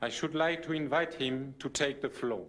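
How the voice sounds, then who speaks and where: A man's voice: medium pitch, normal speed, fairly bright tone, slight background noise. A man delivering a formal, ceremonious opening address as an official, greeting dignitaries by protocol.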